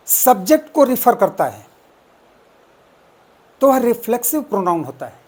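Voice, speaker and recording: An exam coaching teacher explaining test answers, deliberately repeating and spelling out words step by step. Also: medium pitch, a little mellow. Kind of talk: explaining exam answers, mixing English terms.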